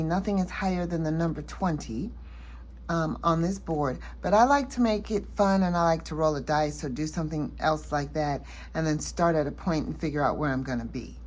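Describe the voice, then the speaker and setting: A woman casually walking through her savings challenges in a planner vlog, relaxed and chatty with many fillers, tired and yawning late at night. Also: fairly low pitch. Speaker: planner and budgeting vlogger. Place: at home at night.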